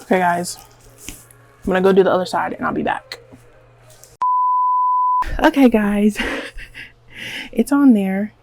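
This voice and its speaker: This woman, a beauty vlogger with a Southern US accent, talks casually to the camera as she dyes her hair at home; she rambles, sounds nervous, mocks herself, and leans heavily on "like." Her medium-pitched voice is animated but slow and creaky, with a darkish tone and long pauses. Audio quality is poor.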